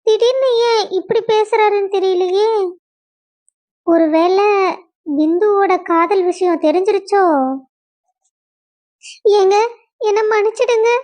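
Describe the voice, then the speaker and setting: A woman's voice: extremely high pitch, fairly even intonation, a little slow, pauses often, darkish tone. A young woman acting a distraught wife who pleads with her husband in an emotional web drama. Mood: pleading.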